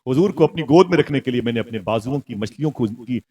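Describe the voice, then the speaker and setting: A man's voice: medium pitch, expressive, quick pace, slightly rough. Impassioned male preacher. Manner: impassioned storytelling, swelling to loud exclamations; prompts the audience to call back. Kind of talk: sermon.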